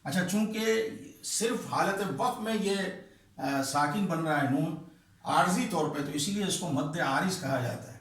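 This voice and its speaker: A male teacher explaining the rules of Quran recitation. He talks patiently, repeats key terms slowly, and stretches vowels when demonstrating examples. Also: a little high, lively intonation, fairly bright tone, heavy reverb, distant mic.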